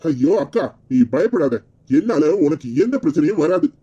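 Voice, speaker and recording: A man's voice: fairly high pitch, expressive, normal speed, mellow, husky, lo-fi sound. A man playing a scheming young village man, sly and boastful, in a Kanyakumari Tamil accent. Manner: sly, cocky, persuasive.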